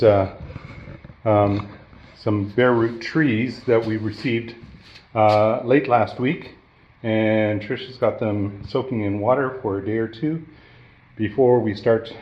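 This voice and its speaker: A man giving a relaxed update, with frequent fillers. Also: lowish voice, dull audio, slight background noise. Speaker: homesteader giving a farm update. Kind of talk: casual update to camera.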